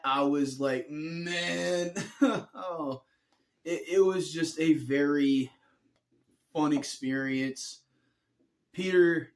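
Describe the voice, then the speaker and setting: A tired young man telling a personal story in a rambling, earnest way, often correcting himself. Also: medium pitch. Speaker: vlogger.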